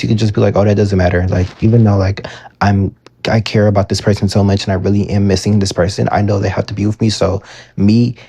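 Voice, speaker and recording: A man talks casually on a live stream, his low voice gravelly with fry. He reads viewer comments aloud and answers them in a loose, filler-heavy way, with a husky edge in his tone, speaking into a phone. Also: dark tone. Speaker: manifestation coach answering viewer questions.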